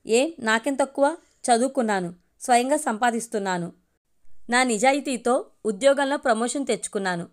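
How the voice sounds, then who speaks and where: A woman's voice: on the high side, moderate pace, lightly acted. A woman voicing a grown daughter who speaks firmly and earnestly in a storybook reading. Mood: defiant. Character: grown daughter, calm, firm, self-reliant.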